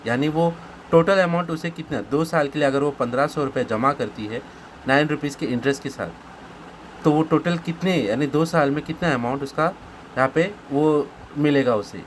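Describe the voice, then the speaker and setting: A man with an Indian accent teaching maths. He reads each question slowly and explains it step by step, mixing Hindi and English. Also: fairly high pitch, slight background noise, low-quality recording. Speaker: maths tutor. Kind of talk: explaining solved maths sums.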